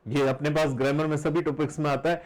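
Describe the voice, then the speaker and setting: Male grammar teacher, fairly high voice, patient and repetitive, quizzes students rhetorically. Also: level tone, quick pace, low-quality recording. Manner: patient, repeats rules and asks rhetorical questions. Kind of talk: classroom grammar lesson.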